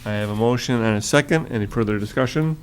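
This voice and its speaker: A man chairing a public board meeting who reads agenda items aloud in a formal, halting way with frequent fillers. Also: medium pitch, slight background noise. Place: meeting room.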